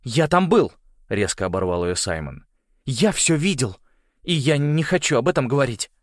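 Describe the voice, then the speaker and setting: Male narrator doing a curt, wary teen boy, a bit higher than his own voice. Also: animated, moderate pace, dry recording, studio quality, lightly acted. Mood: guarded. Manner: hesitant and curt. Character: wary, guarded teenage boy.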